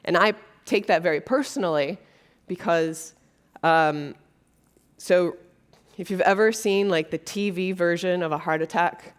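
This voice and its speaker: An unhurried woman from Brazil, her voice on the low side, gives a keynote address on a conference stage to an audience. Her delivery is earnest and conversational, sprinkled with many fillers.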